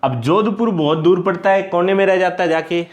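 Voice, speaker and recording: A man's voice: sits high, brisk. A man teaching an exam-prep lesson, repeating points and asking questions he answers himself. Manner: repetitive, explains by asking and answering itself.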